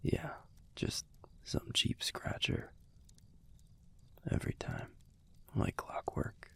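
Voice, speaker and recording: A man whispers as a gruff, tender young werewolf boyfriend in an intimate audio roleplay, speaking softly to the listener with an American accent. His voice is low, breathy, husky, and gravelly, murmured in a laid-back, halting way with some casual swearing. The feeling is fond and nostalgic.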